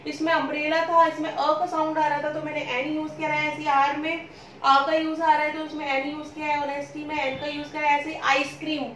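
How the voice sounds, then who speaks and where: A woman with a high, bright voice teaches a grammar lesson and keeps asking questions that she answers herself. She is recorded from some distance in a roomy, echoing space, with a faint ambient hiss behind her. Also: level tone, fairly quick. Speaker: English teacher. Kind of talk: classroom-style lesson explanation. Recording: roomy echo, speaking from a distance.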